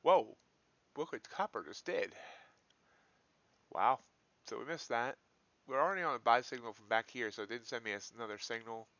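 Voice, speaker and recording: Thinking out loud in folksy, casual commentary, a futures trader hosts his livestream at a normal speed. His medium-pitched voice is pushed and bright with no echo, though the stream's audio is dull and lo-fi.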